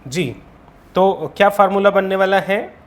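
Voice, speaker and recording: A man teaching spoken in a classroom-style lesson, explaining grammar in Hindi and checking in often with "right?" and "okay?" while saying examples slowly. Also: sits high. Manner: drills students with repeated "right?" and "okay?" checks and slow English examples.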